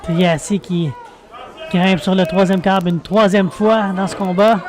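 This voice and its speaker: A man with a Québécois French accent gives live wrestling play-by-play as a commentator, calling each move with excited exclamations. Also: high-pitched, unhurried. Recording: noisy venue with loud crowd behind.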